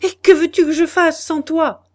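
Frantic young husband, weak and nervous, high and loud feverish pleas, read by a woman. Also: animated, normal speed, close to an everyday voice. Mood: anguished. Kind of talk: audiobook dialogue reading.

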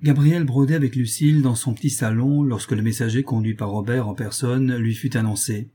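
A man reading a novel aloud in a measured, even storytelling manner. His voice is mellow and dark, with a husky edge, and his pitch sits in a typical middle range. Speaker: audiobook narrator. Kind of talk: scripted narration of a novel.

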